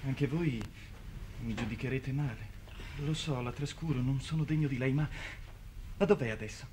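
An actor playing a naive, excitable young man in a 1950s television drama, chatty and boastful. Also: medium pitch, normal speed, lightly acted. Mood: apologetic. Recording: hissy old 1950s TV recording.

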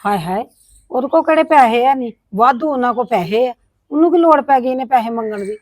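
A woman's voice: fairly high pitch, expressive, brisk, dry recording. A middle-aged woman acting a complaining widowed sister-in-law in a village family drama. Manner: complaining, scolding tone.

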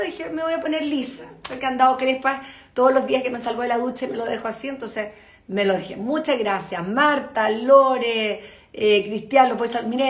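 A woman hosting a live online show, chatting casually and greeting viewers by name from an open-plan home beside a kitchen. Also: on the high side. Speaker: host. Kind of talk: casual live-stream chat. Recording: echoey room.

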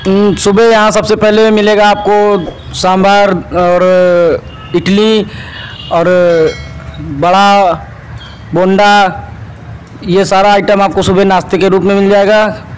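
A young man answering casually in an outdoor canteen, relaxed, listing things one by one. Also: sits high, slow pace, slight background noise, low-quality recording. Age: young adult. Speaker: student being interviewed.

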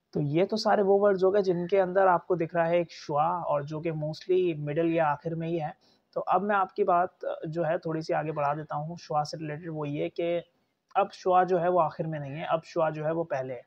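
Gravelly-voiced man teaching pronunciation. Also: a little high, steady tone. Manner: patient, repeats words slowly, chatty asides. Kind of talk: casual spoken lecture. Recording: dull lo-fi recording.

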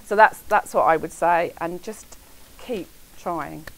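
A middle-aged woman barrister giving frank, animated career advice on a panel in a seminar room. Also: on the low side, slow, slight background noise, poor audio. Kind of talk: panel talk to students.

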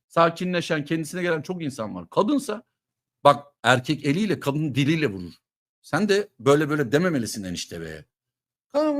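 A middle-aged man giving a heated political monologue, sarcastic and emphatic, at times breaking into shouts. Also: fairly high pitch. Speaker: political commentator.

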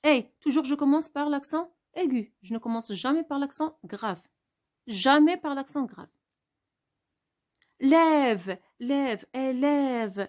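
A woman teaching a spelling lesson, spelling words out letter by letter and asking questions she answers herself. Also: high voice.

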